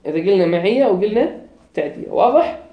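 A man with a Kuwaiti accent lectures on grammar, laying out each point step by step. His voice moves up and down animatedly as he pauses to check his students are following. The room around him rings with echo. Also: sits high, animated, muffled recording. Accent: Kuwaiti Arabic. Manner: explains step by step, often checks understanding. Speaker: grammar teacher. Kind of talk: classroom lecture. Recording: echoey room.

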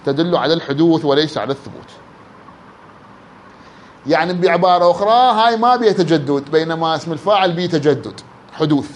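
A man with an Iraqi accent teaching an Arabic grammar class. He quizzes his students and drags words out slowly to show how they sound. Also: a little high, animated, a little hiss or hum. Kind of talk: classroom lesson.

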